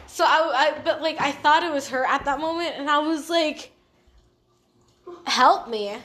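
A woman's voice: high-pitched, fairly even intonation, moderate pace, fairly bright tone, slight background noise. A young woman co-hosting a casual podcast, rambling through a story with many fillers and mild swearing. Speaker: podcast co-host.

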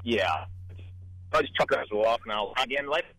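A man's voice: medium pitch, lively intonation, a little fast, sharp tone. A male caller on a phone line so choppy that his words keep cutting out mid-sentence. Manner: words dropping out, fragmented speech.

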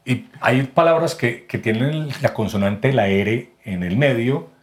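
This guest on a casual podcast interview speaks with a medium pitch and a measured pace. He's a voice actor and announcer from Medellín, Colombia, with a paisa accent, who gives long explanations full of restarts and repeated words.

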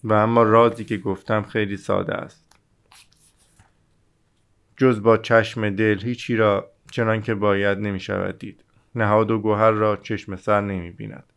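A man reading the part of a wise, gentle fox in an audiobook, calm and instructive. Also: on the low side, creaky, clean tone.

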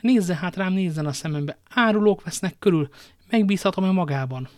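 A man's voice: high voice, animated, no room sound, pitched above the performer's own voice. A man reading an audiobook, voicing a frightened young queen who pleads in breathless whispers, in a dry close recording. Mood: urgent.

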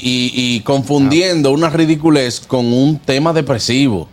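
A man's voice: mid-range voice, moderate pace. A man with a Dominican accent hosting a radio talk show, arguing his point earnestly and with emphasis.

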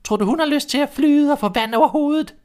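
A man voicing a bossy, self-important old hen in a storybook reading, scolding and lecturing in a shrill voice. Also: a little mellow.

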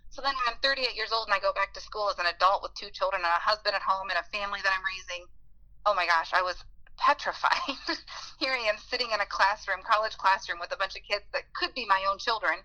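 A woman in her forties who is a beginning teacher earnestly shares heartfelt personal stories in an interview, acting out the voices she remembers. Her medium-pitched voice is fast, pushed and bright. The audio quality is poor.

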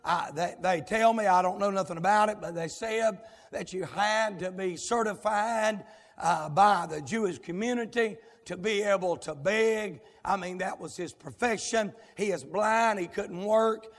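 A folksy Southern US pastor preaches a fiery sermon that swells into shouting. His voice sits high, gravelly and husky. A long reverb from the church sanctuary follows every phrase. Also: measured pace. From South Carolina, US.

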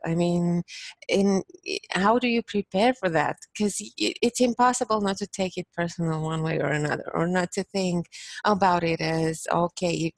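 A woman's voice: fairly low pitch, no room sound. A woman from Romania, a podcast guest who talks casually and thoughtfully, often restarting her sentences. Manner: thoughtful, many restarts and fillers. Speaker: podcast guest, business owner. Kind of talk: casual interview chat.

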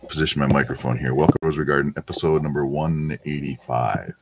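A man hosting a weekly live rosary podcast from his home, talking in a soft, hesitant, casual way with many pauses and ums. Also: rumbling low, vocal fry, very noisy. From Wisconsin, USA. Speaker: podcast host leading the rosary. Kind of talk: casual prayer-show chat.

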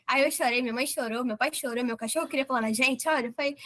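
A young woman from Brazil telling an interviewer, in a casual and animated way, how she was approved, quoting herself and others as she goes. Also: sits high, fast talker. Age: young adult. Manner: animated, quotes herself and others in lively voices. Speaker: approved medical student guest.

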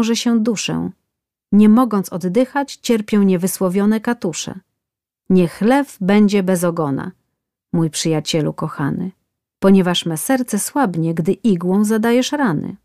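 A woman's voice: medium pitch, unhurried, dark tone, no echo, clean studio sound, lightly acted. A woman voicing a whining man getting a tattoo, complaining and pleading in a storybook tale. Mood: pained.

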